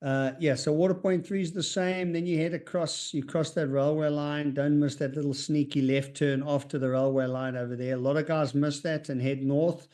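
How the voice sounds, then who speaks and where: Man, mellow and slightly high, race organizer on a glitchy video call with his voice cutting out. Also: fairly even intonation, moderate pace, hardly any pauses. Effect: voice breaking up over a weak video call connection. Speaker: race organizer giving a briefing. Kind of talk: online race briefing.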